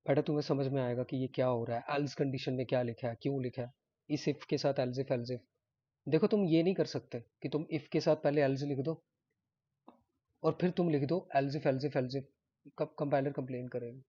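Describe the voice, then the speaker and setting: Chatty teacher with a mellow, husky voice. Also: male voice, mid-range voice, fairly even intonation, moderate pace, lo-fi sound. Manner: chatty, repeats himself, checks in with "ठीक है?". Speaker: programming teacher. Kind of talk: live coding lecture.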